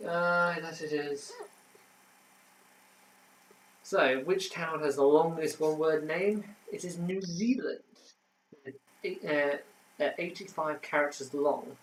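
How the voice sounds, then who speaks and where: A man's voice: on the high side, steady tone, a little slow, a little hiss or hum, rough recording. A man hosting a casual home quiz, reading answers and adding trivia with frequent fillers. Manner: chatty, reads answers then adds trivia with many fillers. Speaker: quiz host.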